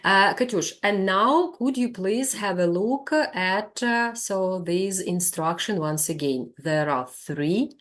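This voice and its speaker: A woman's voice: mid-range voice, expressive, slow, few pauses, a bit bright. A woman with a Ukrainian accent running a teacher-training lesson, patiently repeating words to model their pronunciation.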